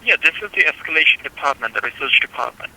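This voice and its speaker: A man's voice: on the high side, expressive, quick pace, vocal fry, pushed and bright. A man with an Indian accent working as a call center agent, speaking politely and formally by the book over the phone. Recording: tinny telephone line.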